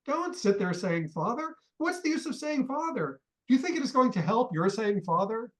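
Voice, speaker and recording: In a comic radio play, a man plays an irascible middle-aged father who is also a collector. Outraged and very animated, he blusters and rants indignantly at a moderate pace, his pitch swinging widely.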